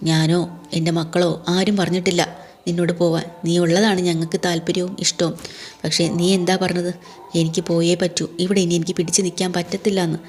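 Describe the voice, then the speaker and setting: Woman reading as a grieving older father, gentle and pleading, low voice, flat delivery. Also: a little fast, lightly acted.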